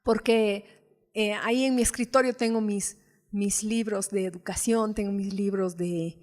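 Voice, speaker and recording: A woman's voice: mid-range voice, fairly even intonation, unhurried, darkish tone. A woman preaching a conversational sermon, sharing personal stories and asking her listeners rhetorical questions. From Bolivia. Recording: hall reverb.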